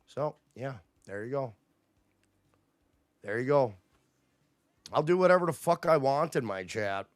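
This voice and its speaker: A man's voice: medium pitch, expressive, a little slow, dry recording. A man hosting a livestream, ranting at his chat in a profane, combative way. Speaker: livestream host. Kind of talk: casual livestream rant to chat.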